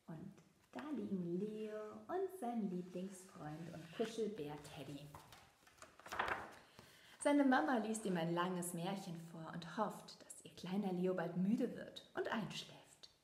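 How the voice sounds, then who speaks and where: A woman reading a picture book aloud to children, lively and chatty, showing them the pictures. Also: mid-range voice, takes it slowly, reverberant, slight background noise. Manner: lively, talks directly to children. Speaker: storybook reader.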